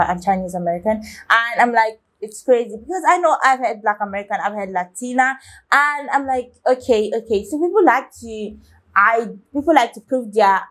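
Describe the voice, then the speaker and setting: Young woman, reaction video host, casual commentary, halting, many fillers, talks to viewers, mid-range voice. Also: medium pitch. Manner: talks straight to viewers, asking their opinion.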